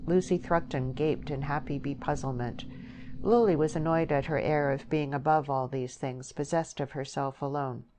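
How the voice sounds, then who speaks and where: A woman reading a novel aloud as an audiobook narrator, in a measured, even way. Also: sits low, rough recording. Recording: steady background hiss.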